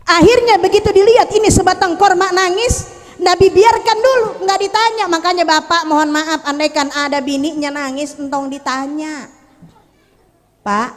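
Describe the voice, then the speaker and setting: Lady preacher, playful, chats with the crowd, high voice, big hall reverb. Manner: playful, jokes and banters with the audience. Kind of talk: storytelling sermon.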